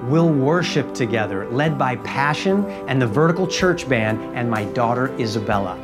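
A man reading a radio ad in a warm, persuasive way. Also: medium pitch, animated, moderate pace, over music. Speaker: event promoter in a radio ad. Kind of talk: radio ad read.

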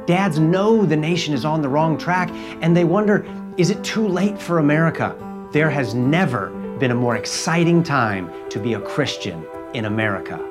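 A man reading a radio ad in a warm, persuasive way. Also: fairly high pitch. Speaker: event promoter in a radio ad. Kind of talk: radio ad read.

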